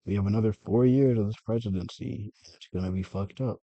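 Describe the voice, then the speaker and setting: A man's voice: on the low side, fast, warm tone, no room sound, dull audio. A man talking through his feelings in a meandering personal monologue, often correcting himself and swearing. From United States. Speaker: vlogger.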